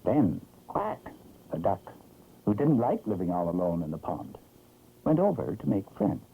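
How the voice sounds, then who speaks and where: Highly animated vintage cartoon storyteller, tinny soundtrack. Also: a little slow, vocal fry, breathy edge. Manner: expressive, theatrical. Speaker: storyteller narrator. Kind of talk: scripted children's storybook narration, vintage cartoon.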